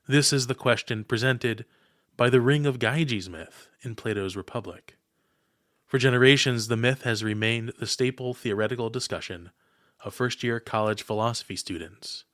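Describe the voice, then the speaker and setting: A podcast host reads a scripted essay in a formal, oratorical manner, phrasing deliberately and pausing between clauses. His voice sits in the mid range and is a bit bright. The recording is dry and close, with no room sound.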